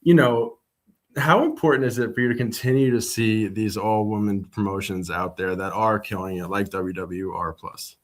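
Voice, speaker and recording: A man's voice: lowish voice, normal speed. A man hosting a podcast interview, asking questions in a friendly, laid-back way. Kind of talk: casual interview.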